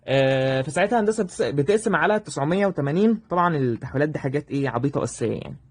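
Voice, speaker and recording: A man with an Egyptian accent teaching a review lesson, addressing students directly and checking in with quick questions. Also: fairly high pitch, animated. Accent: Egyptian Arabic. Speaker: math teacher.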